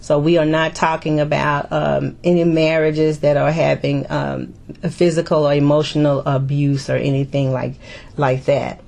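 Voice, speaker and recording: A middle-aged woman hosting a casual discussion, chatty and warm, often repeating words as she goes. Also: sits low, level tone, normal speed, vocal fry. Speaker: host.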